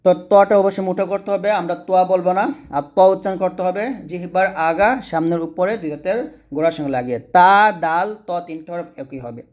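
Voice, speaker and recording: A man teaching a Quran reading lesson, patiently repeating letter sounds slowly for learners to echo. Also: high voice, fairly even intonation, a little mellow.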